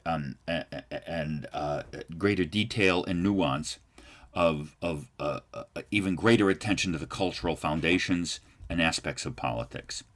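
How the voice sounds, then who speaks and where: An American man lecturing a political science class, talking in a loose, discursive way full of fillers and restarts. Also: deep voice.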